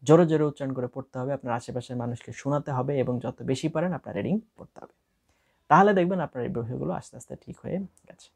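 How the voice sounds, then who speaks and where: Fast-talking man with a gravelly voice. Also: mid-range voice. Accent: Bangladeshi. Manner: explaining with many English phrases mixed in. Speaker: English test tutor. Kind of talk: spoken lesson to camera.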